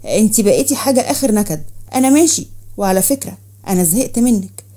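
A hot-tempered Egyptian man with a harsh, mocking bite, put on by a woman reading a story. The delivery is rapid and husky, with a mellow, rather dark tone. He snaps his lines out curtly in a storybook recording. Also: mid-range voice, expressive, lightly acted. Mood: contemptuous. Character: hot-tempered young man, blunt and scornful. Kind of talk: storybook narration.

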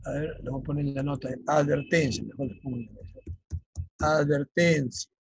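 A male teacher explaining vocabulary for an exam, often checking in with his students and slowly dictating key terms. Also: medium pitch, gravelly, breathy edge, poor audio. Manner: checks understanding with frequent "ya?". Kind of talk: vocabulary lesson for exam prep.

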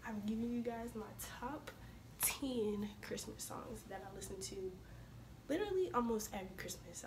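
A young woman vlogging casually to her viewers, her voice slightly hoarse from a cold, chatting informally and calling them y'all. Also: mid-range voice, background noise. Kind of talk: casual vlog chat to camera.

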